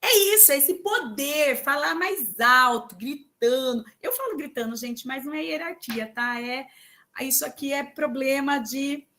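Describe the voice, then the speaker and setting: A woman teaches an exam-prep lesson in a loud, emphatic way. Her voice sits high and sounds bright and forceful. She keeps stopping to check that her students follow her. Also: unhurried.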